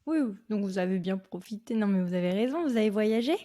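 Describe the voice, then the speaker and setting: Mellow-voiced French podcast host. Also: female voice, mid-range voice, lively intonation, fast. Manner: friendly, hesitant questions with fillers. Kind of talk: interviewing a guest.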